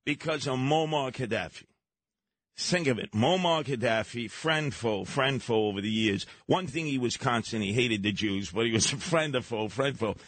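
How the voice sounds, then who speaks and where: A man's voice: medium pitch, moderate pace, fairly bright tone, no room sound. A man co-hosting a political talk show, brash and colorful, throwing in jokes as he argues.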